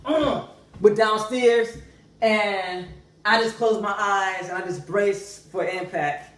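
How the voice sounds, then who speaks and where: A young man with a voice that sits high tells a comic story slowly and animatedly, acting out the voices of its characters. He is recorded from a distance in an echoey room.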